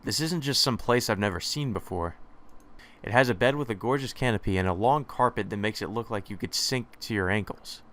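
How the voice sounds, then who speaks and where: Hosting a let's play, a man reads a visual novel's first-person text aloud in a measured, slightly hesitant way. His voice is lowish and a bit bright.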